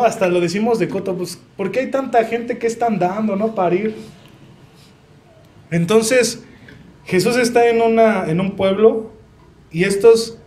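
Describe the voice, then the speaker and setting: A man's voice: high voice, a little mellow. A young man preaching a sermon in a Mexican Spanish accent, earnest and personal, often asking the congregation questions.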